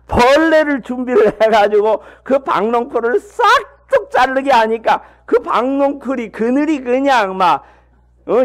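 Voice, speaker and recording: A high-pitched male missionary preaches a sermon, telling the story in a lively, folksy way with humorous asides and putting rhetorical questions to his congregation.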